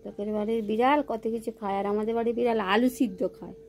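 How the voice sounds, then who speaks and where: High-pitched lady sweet-talking her cat into eating, soft coaxing baby talk. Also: fairly even intonation, very fast, a little hiss or hum. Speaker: pet owner filming her cat. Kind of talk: casual home video.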